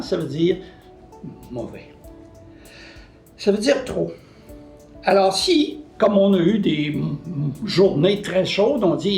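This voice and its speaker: A man presents a short language lesson, his voice pitched high for a man. He works through example sentences in a patient, didactic way and answers his own questions. The room is echoey, with faint music underneath. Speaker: French language columnist.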